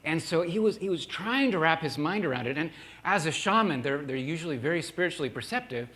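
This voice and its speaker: A man's voice: a little high, lively intonation, brisk, a bit bright. A male preacher telling a mission story in a sermon, earnest, often restarting with repeated words.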